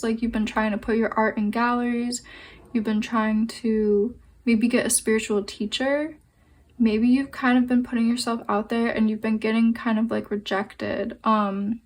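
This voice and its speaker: A woman giving a pick-a-card tarot reading, gentle and reassuring, with frequent fillers and restarts. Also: fairly high pitch.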